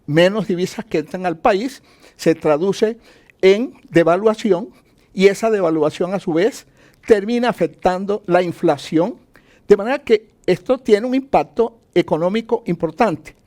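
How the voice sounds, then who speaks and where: Taking an unhurried pace, a man from Colombia gives a didactic economist's interview, asking his own questions, answering them, and enumerating his points. He has a high-pitched voice with a slightly mellow quality.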